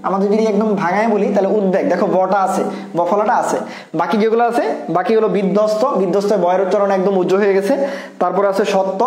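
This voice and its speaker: Quick, high-voiced man tutoring. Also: a little mellow, roomy sound. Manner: quick, repeats points and keeps checking in with students. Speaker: admission test tutor. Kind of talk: exam answer walkthrough.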